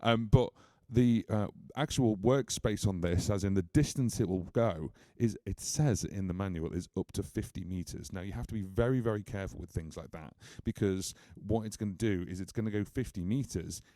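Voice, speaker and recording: A man's voice: lowish voice, normal speed, warm tone, no room sound. A British man, a musician, chatting casually as he explains and tests audio gear, leaning on fillers like "obviously". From United Kingdom. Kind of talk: casual gear review and demo. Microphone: studio microphone.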